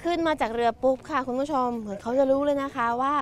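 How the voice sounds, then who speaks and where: A woman's voice: high voice, fast. A woman in her thirties, a travel vlogger talking chattily to viewers while feeling seasick, filmed on a camera held at arm's length outdoors. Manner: chatty, animated, addresses viewers directly. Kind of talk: casual travel vlog to camera. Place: outdoors on a boat and on a busy pier. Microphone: action camera held at arm's length. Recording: loud crowd and music behind.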